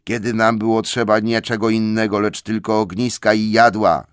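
A man's voice: lowish voice, flat delivery, moderate pace, clear, resonant tone, dry recording, clean studio sound, natural voice. A man voicing a grumpy, stout male dwarf who scolds reproachfully.

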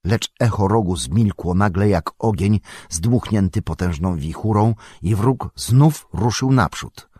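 Male audiobook narrator, deep and husky, measured and dramatic, dry close sound. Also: warm tone, no echo. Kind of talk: audiobook reading.

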